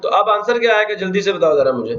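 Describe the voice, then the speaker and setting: High-voiced male teacher in echoey classroom. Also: animated, fast talker, fairly bright tone, slight background noise. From Pakistan. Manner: keeps asking the class questions, counting aloud. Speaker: math teacher. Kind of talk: classroom lecture. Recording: echoey classroom, dull lo-fi sound.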